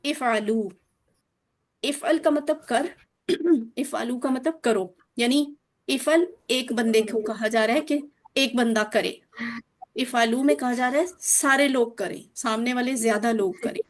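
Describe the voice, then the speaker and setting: Female teacher on a video link: slow, patient drilling, slightly high voice. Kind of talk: online Arabic grammar lesson.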